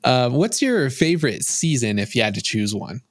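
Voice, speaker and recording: A man hosting a podcast, asking light questions in a relaxed, teasing way. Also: medium pitch, moderate pace, no room sound, clean studio sound. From United States. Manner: easygoing, teasing. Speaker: podcast host. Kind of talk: casual interview chat.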